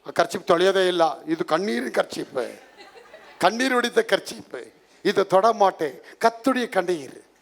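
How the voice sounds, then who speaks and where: A man's voice: high-pitched, lively intonation, normal speed, gravelly. A man preaching a charismatic sermon to a congregation, emphatic and full of rhetorical questions, slipping English phrases in.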